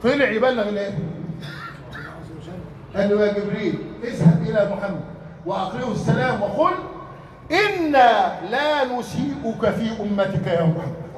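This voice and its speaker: High-voiced Egyptian preacher in an echoey hall. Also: male voice, moderate pace, pauses often. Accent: Egyptian Arabic. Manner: asks rhetorical questions that the crowd completes, lively and emphatic. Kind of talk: Friday sermon. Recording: echoey hall, mic at a distance.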